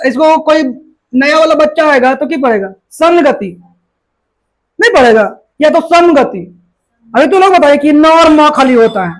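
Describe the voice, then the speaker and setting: A woman's voice: high-pitched, rough recording. A woman teacher giving a classroom grammar lesson, repeating each word and quizzing her students.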